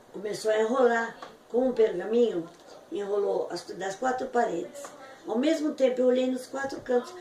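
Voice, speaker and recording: Fervent woman, echoey and far off. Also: darkish tone. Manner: fervent, emotional, breaks into high pitch. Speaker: testimony giver. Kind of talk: emotional personal testimony. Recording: echoey room from far off with faint noise.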